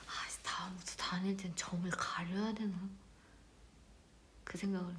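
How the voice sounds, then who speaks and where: A woman hosting a casual live-stream chat with a bright, sharp voice. She is playful and giggly with her viewers. Every so often she drops into a hushed, breathy whisper. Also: fairly low pitch, fairly even intonation, unhurried, a little hiss or hum.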